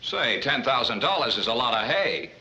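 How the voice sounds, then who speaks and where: A slick, persuasive con man. His voice is very bright and lively, with faint hiss from an old 1940s film soundtrack. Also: medium pitch, moderate pace, lo-fi sound. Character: smooth-talking male con man.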